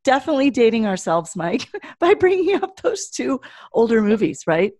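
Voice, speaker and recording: A woman's voice: on the high side, sing-song, normal speed, a little mellow, no room sound, clean studio sound. A middle-aged woman with a Michigan accent, chatting casually as a podcast co-host. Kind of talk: casual scripted-topic podcast chat.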